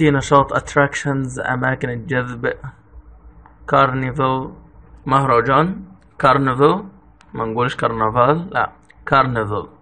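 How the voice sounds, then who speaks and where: A man teaching English vocabulary in an Egyptian Arabic accent, reading each English word and then giving its meaning in a steady, methodical way. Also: mid-range voice, gravelly, poor audio.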